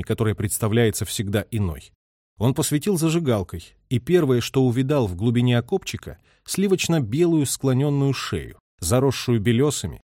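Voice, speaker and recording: A man reading a literary war story aloud with expressive, dramatic narration. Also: medium pitch, no room sound, clean studio sound. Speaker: audiobook reader.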